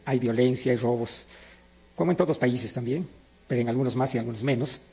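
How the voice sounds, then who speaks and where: A man's voice: medium pitch, fairly quick, breathy edge. A middle-aged man preaching a sermon, asking his listeners questions and telling his own stories. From Peru. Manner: animated, asks the audience questions and answers them. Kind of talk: sermon with personal anecdotes.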